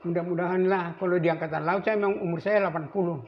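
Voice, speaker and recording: An elderly man in his eighties, a navy veteran, recalling his service in a rambling, halting way with many restarts. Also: high voice, steady tone. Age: 80s. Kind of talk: recorded interview. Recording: dull lo-fi recording with faint noise.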